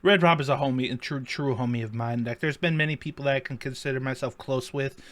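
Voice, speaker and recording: A man's voice: mid-range voice, fast, fairly bright tone. A man hosting a casual chat show, rambling and repeating himself, with playful mock excuses. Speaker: podcast host.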